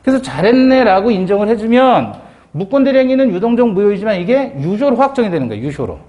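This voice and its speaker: A middle-aged man teaches civil law for an exam course in a lecture style. His voice sits high for a man and swoops up and down as he asks the class questions. He drops into quoted voices to act out short scenes. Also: fast talker, muffled recording. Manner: animated, acts out dialogue in quoted voices.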